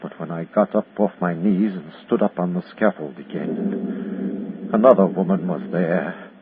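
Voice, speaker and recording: Very deep-voiced, haunted Nazi captain. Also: male voice. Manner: haunted, halting, repetitive first-person report. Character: shaken Nazi captain, stern executioner unravelling into dread. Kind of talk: 1940s radio drama acting. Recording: scratchy, muffled 1940s radio broadcast.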